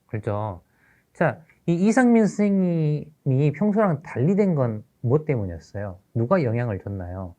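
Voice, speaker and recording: A middle-aged man, a teacher trainer, telling a classroom story in an animated lecture. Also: mid-range voice, moderate pace, highs cut off. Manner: animated storytelling, acts out characters.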